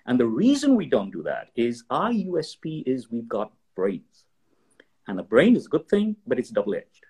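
A man being interviewed as an expert, explaining ideas with lively stories and acted-out examples. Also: medium pitch, normal speed, slightly rough. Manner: animated storyteller, acts out examples in voices. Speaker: guest expert. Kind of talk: conversational interview.

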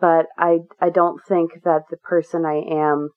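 Woman, interview guest, low voice, earnest, rambling with fillers, phone-line sound. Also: level tone, unhurried. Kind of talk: candid personal interview.

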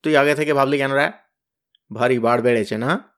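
A man voicing a bossy, blustering teenage boy who leads his gang with loud scolding commands. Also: mid-range voice, moderate pace, natural voice.

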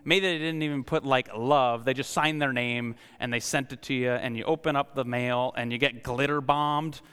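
A man's voice: medium pitch, steady tone, normal speed, fairly bright tone, clear, resonant tone. A man preaching a sermon as pastor, in a casual, conversational way, often repeating words as he starts a phrase. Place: church sanctuary. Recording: long hall reverb.

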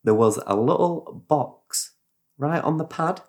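A man retelling a story in casual podcast chat, animated and rambling, with sound effects. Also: fairly high pitch, slow pace. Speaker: podcast host.

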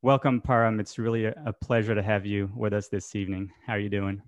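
A man hosting a podcast interview, asking friendly, unhurried questions with some fillers. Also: on the low side, little pitch movement, no room sound, muffled recording. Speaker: podcast host.

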